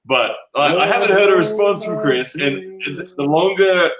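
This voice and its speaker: A man's voice: sits high, normal speed, background noise. A man, an arm wrestler, teasing in casual chat and restarting often.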